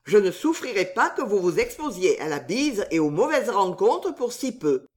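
A woman's voice: medium pitch, big pitch swings, moderate pace, darkish tone, lightly acted. A woman voicing a gallant, flowery young male poet in a spoken storybook, with grand, pleading declarations.

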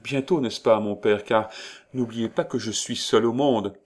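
A man's voice: on the low side, steady tone, a little slow, voice pushed up. A man voicing a timid, emotional young woman who pleads through tears, in a storybook reading. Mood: tender, pleading. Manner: pleading, tearful.

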